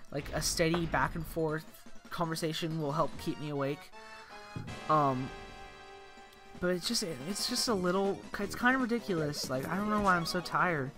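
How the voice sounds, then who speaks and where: Tired young man rambling over game music. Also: on the high side. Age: young adult. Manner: rambling, tired, says "like" constantly. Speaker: let's play commentator. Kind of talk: casual gameplay commentary. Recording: game music playing behind.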